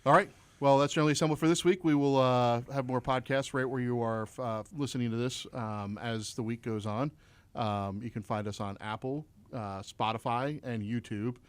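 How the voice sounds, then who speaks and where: A man hosting a podcast in a relaxed, chatty way, with lots of ums and uhs. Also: medium pitch, moderate pace, clean tone. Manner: easygoing, chatty, with frequent fillers. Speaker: podcast host. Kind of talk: casual podcast chat.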